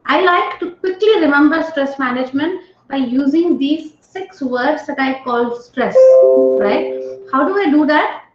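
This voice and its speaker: A woman's voice: sits high, expressive, a little slow, roomy sound, lo-fi sound, faint music behind. A woman giving an online stress management training and often checking in with her audience. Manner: engaging, often checks in with "right?" and questions to participants.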